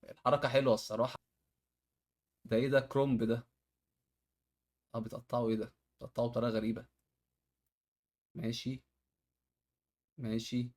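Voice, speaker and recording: A man's voice: mid-range voice, flat delivery, fairly quick, pauses often. A man from Egypt with an Egyptian accent, reacting to home-hack videos in casual commentary and often exclaiming at the tricks. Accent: Egyptian Arabic.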